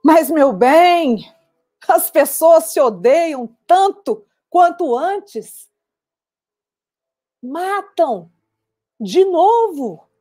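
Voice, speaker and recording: An actress playing an older woman war veteran who recounts her memories in a measured, reflective dramatic monologue. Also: mid-range voice, animated, dark tone, faint music behind. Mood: sober.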